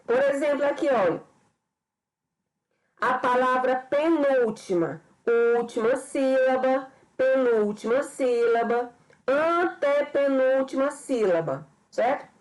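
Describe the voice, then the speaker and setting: A woman teacher explains a grammar lesson step by step in a slightly high voice. She often repeats herself and pauses to check that the class is following. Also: poor audio. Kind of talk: recorded grammar lesson for students.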